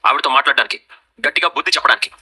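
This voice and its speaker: An actor playing a hot-headed young husband, angry and commanding, in a TV serial. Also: male voice, medium pitch, very fast, pushed and bright, breathy edge. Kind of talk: TV serial acting.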